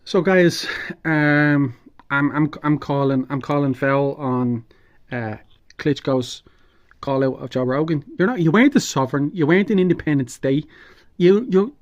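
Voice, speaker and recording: A man giving an unscripted, halting political rant as an online commentator, calm turning angry and combative, with heavy swearing. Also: medium pitch. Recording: dull lo-fi sound.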